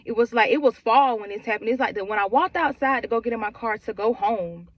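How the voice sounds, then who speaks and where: A woman's voice: on the high side, fast talker, no room sound, highs cut off. A woman in her twenties telling her own grief story in a raw, conversational way, repeating herself and filling with "like". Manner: raw, repetitive, conversational with many "like" fillers. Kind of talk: emotional personal storytelling.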